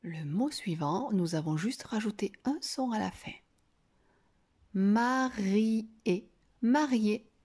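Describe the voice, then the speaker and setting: Slow, mellow-voiced woman teacher. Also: mid-range voice, animated, slightly rough. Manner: slow, drawn-out sounding of syllables. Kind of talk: reading lesson for young children.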